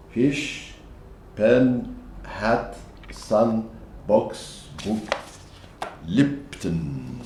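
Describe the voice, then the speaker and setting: A man's voice: lowish voice, a little mellow. Rambling lecturing man, echoey room. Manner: rambling, digressive, with frequent fillers. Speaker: English teacher. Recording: echoey room with faint noise.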